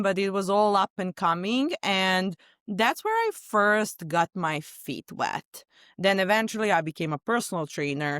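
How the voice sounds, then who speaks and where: A woman's voice: on the low side, a bit bright, no room sound, studio quality. A woman from Serbia with a Serbian accent, a guest on a podcast talking openly in loose, chatty phrases. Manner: chatty and open, talks in loose run-on phrases. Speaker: podcast guest, sales leader. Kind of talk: casual podcast conversation.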